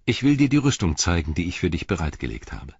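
A man reading the lines of a calm, earnest young noblewoman, gentle in manner, in a dull lo-fi audiobook recording. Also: low-pitched, fast, slightly rough, no echo, exaggerated voice.

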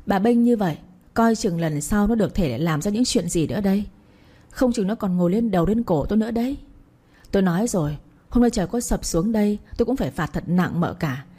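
A woman's voice: medium pitch, animated, fairly quick, dark tone, husky. A woman reading the lines of a harsh, domineering elderly matriarch who scolds and commands. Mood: scolding.

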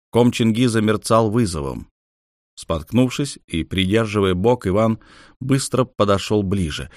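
A man narrating an audiobook in a steady, even storytelling manner. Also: lowish voice, no room sound, studio quality.

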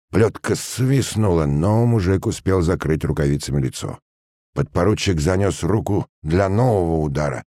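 A man reading a story aloud in a steady, measured way. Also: deep voice, no room sound, clean studio sound. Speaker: narrator. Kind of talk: audiobook narration.

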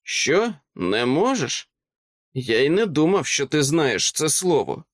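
Man reading killer older brother: higher, pushy, sarcastic taunts. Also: very animated, slow pace, no room sound, studio quality, exaggerated voice. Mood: mocking.

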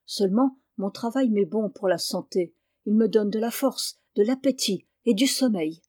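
A woman's voice: medium pitch, moderate pace, a little mellow, no echo, clean studio sound, close to an everyday voice. A woman voicing a cheerful, sturdy farm boy who teases and helps his brother.

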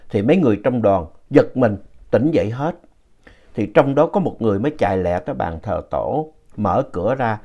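A man narrating a ghost story in a slow, retelling manner. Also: mid-range voice, mellow.

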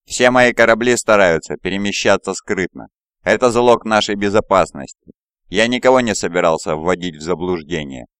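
A man voicing a sly, scheming male primarch in an audiobook, smooth and mocking. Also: low voice, moderate pace, a bit bright, no echo, clean studio sound. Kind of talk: audiobook character voice.

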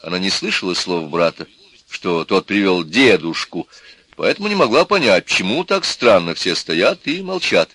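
A man reading an audiobook with an expressive, vivid narration. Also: deep voice, moderate pace, breathy edge. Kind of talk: scripted narration.

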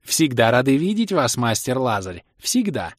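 A man's voice: medium pitch, big pitch swings, dry recording, clean studio sound. A man voicing a stern, dignified grey-haired female gnome librarian who speaks formally and loftily. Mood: formal, conspiratorial. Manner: formal, measured, lofty speech.

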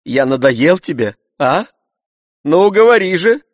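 A man reading an audiobook, voicing an idle, fretful gentleman landowner in exasperated, whining outbursts. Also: mid-range voice, unhurried, no room sound, clean studio sound, in a large hall, voice pushed up.

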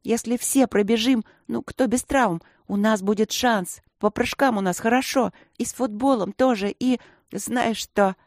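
Brief: earnest teen girl, heated and near tears, firm, raised a bit in pitch, as a woman reader does her. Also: measured pace, a little mellow, no room sound, clean studio sound. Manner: heated, tearful insistence. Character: stubborn, earnest teenage schoolgirl runner.

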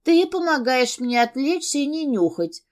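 A woman voicing a young woman who is drunk and high, talking in a high, pleading and breathy way. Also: lively intonation, takes it slowly. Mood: desperate. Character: intoxicated young woman, unstable and clingy.

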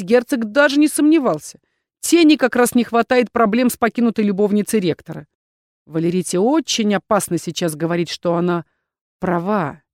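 A woman narrating a fantasy novel as an audiobook reader, in an even, measured way. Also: medium pitch, no echo, clean studio sound.

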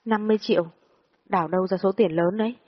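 A woman's voice: medium pitch, fast, close to an everyday voice. A woman voicing a furious, foul-mouthed older female friend who scolds and swears at a younger girl in a storybook reading. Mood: scolding. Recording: dull lo-fi audio with long reverb.

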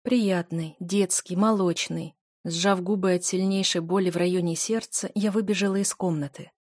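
A woman's voice: lowish voice, steady tone, moderate pace, darkish tone, no room sound. Woman reading a novel aloud, emotional first-person telling, dry close sound. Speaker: audiobook narrator. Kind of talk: audiobook narration.

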